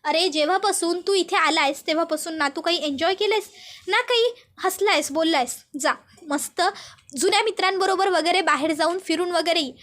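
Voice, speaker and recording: Young sister-in-law, read by a woman, reassuring, firm, very high-pitched. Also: moderate pace, fairly bright tone. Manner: reassuring, firmly scolding.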